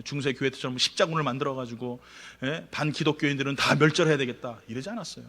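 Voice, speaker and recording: Preaching rapidly in a church sanctuary, the pastor's high, bright voice climbs to emphatic heights before falling back into hushed asides. The hall adds a long, trailing reverb to his animated sermon.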